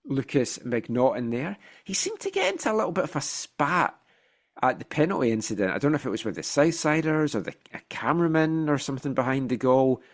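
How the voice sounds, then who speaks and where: Lively-toned male commentator. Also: mid-range voice, fairly quick, faint music behind. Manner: conversational, lively intonation. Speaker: sports commentator. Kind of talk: broadcast commentary.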